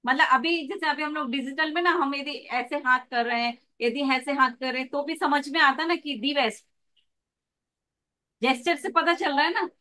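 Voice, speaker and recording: A woman with a high, bright, forceful voice leads an online class over a video call. She teaches in a lively way and acts out little examples to make each point. Her delivery stays animated and clear. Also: normal speed. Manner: lively, demonstrates with acted examples. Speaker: pregnancy coach.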